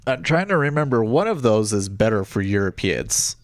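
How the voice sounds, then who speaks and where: A man's voice: lowish voice, big pitch swings, moderate pace, dry recording. A man with a blocked, congested nose after nose surgery, sounding sick as he chats casually while hosting a livestream. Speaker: day trading livestream host.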